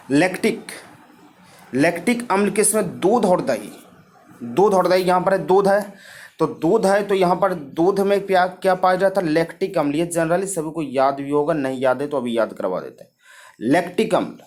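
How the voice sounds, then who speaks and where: A man teaching a lesson, explaining memory tricks and asking and answering his own questions. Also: a little high.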